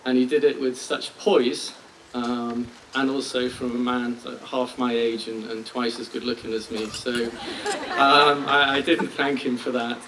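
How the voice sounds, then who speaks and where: A man's voice: mid-range voice, level tone, measured pace. A middle-aged British man, a school principal, giving a self-deprecating graduation speech with many ums and restarts. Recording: distant mic with faint noise.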